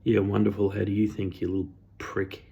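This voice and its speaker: A man's voice: on the low side, flat delivery, fairly quick, gravelly, warm tone, husky, dull audio. A man voicing his sick elderly father, who is curt, barking and insulting. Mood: gruff.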